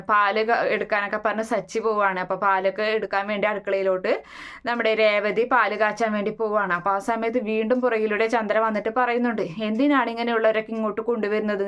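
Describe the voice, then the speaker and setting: Woman rattling off a serial recap super fast, lots of "eh"s, smooth voice, kinda dull lo-fi sound. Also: mid-range voice, fairly bright tone. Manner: rapid retelling with many "eh" fillers and restarts. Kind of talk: casual plot retelling of a TV serial.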